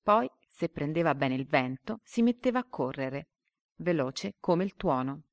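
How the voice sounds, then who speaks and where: A woman reading a story and then a comprehension quiz aloud like a teacher. She reads the quiz options slowly and deliberately. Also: low-pitched, animated, no echo, clean studio sound.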